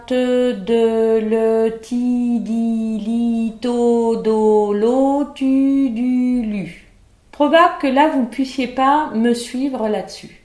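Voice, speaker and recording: A woman teaching an online acting lesson in a calm, instructive way, with over-articulated diction drills. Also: a little high, roomy sound. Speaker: drama teacher.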